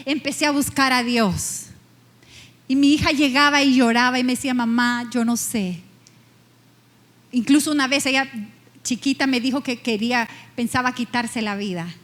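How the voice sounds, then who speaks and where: A middle-aged woman pastor preaching a personal testimony, emotional and earnest, slowing down for emphasis. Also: high-pitched, fairly bright tone. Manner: emotional, personal storytelling with slow emphatic pauses. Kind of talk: sermon testimony.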